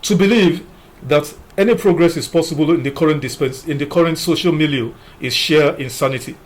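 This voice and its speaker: A man's voice: fairly high pitch, fairly quick. A man giving political commentary, emphatic, working through numbered points with frequent "you know" fillers. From Nigeria. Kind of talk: opinion commentary.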